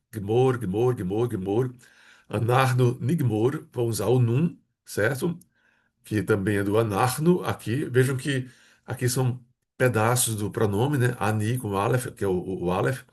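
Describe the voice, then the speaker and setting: A Brazilian man teaches a Hebrew grammar lesson in a medium-pitched, slightly rough voice. He patiently repeats words and checks in with his students.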